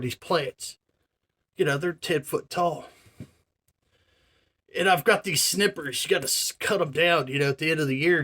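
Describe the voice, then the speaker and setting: A vlogger in his forties rambles casually in a slightly high, fairly bright voice, sprinkling in plenty of "you know" and "man." His emphasis is earnest and full of wonder.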